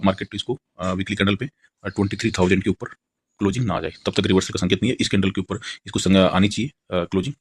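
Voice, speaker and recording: A man's voice: fairly low pitch, slightly rough. A man walking viewers through market charts, rambling and constantly pointing out "look here". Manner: repeatedly points things out, keeps saying "look here"; rapid rambling explanation with fillers and restarts. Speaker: stock market analyst. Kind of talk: screen-share chart walkthrough.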